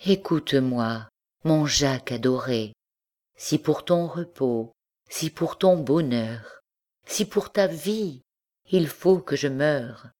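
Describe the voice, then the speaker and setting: A woman reading the lines of a devoted young wife who speaks softly and coaxingly to her husband, at a slow pace. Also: low voice, lively intonation. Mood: tender. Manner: tender, soft and coaxing.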